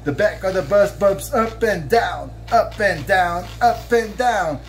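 Over music, a man in his thirties sings a children's song from a book to his child at a measured pace, his high voice animated. He's lying on a bed in a bedroom, playful and sing-song, letting each line's end stretch out. The camera is a few feet from him.

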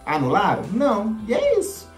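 A man's voice: high-pitched, huge pitch swings, normal speed. A man hosting a casual gossip commentary, chatty and sarcastic, often asking for agreement. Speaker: gossip channel host. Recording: echoey room with faint music.

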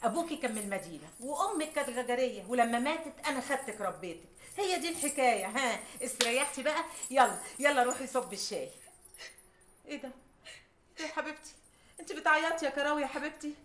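A woman's voice: high-pitched, lively intonation, fast talker, a bit bright, reverberant. An actress playing a doting woman who raised an orphan girl, speaking with an Egyptian accent in an affectionate, coaxing way. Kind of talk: TV drama acting.

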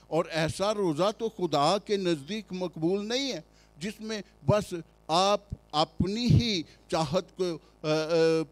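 A male pastor with a Pakistani Urdu accent and a high voice preaches a sermon, firing emphatic rhetorical questions and frequently pausing hesitantly.

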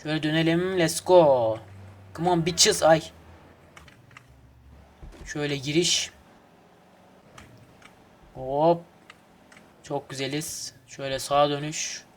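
A man casually commenting on his game as he plays, excitable and swearing at the traffic. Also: on the high side, slow pace, long pauses. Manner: excitable, swears and grumbles at traffic, hums snatches of folk song. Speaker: gaming channel host. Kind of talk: casual let's play commentary.

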